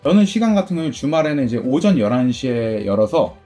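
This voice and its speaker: A man's voice: fast talker, faint music behind. A middle-aged man who owns a game shop, answering interview questions in a chatty way, full of fillers. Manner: chatty, many fillers, lively pitch. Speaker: game store owner.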